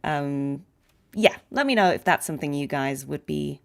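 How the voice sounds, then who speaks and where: A voice actress livestreams gameplay, chatting casually and informally with viewers and chuckling easily. Her low voice is creaky, with lively intonation at a normal speed. Faint game music plays behind her.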